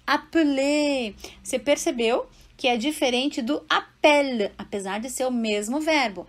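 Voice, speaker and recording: Woman, French teacher, high voice, patient explanations, frequent check-ins, slows on examples. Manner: slows down to model French words. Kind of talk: pronunciation lesson.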